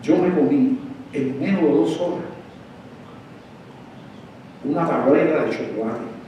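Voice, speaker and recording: A man of about seventy preaching a sermon as pastor, shifting from quiet confession to emphatic exhortation. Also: slow pace, highs cut off. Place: church sanctuary. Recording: echoey church hall, mic at a distance, faint rumble.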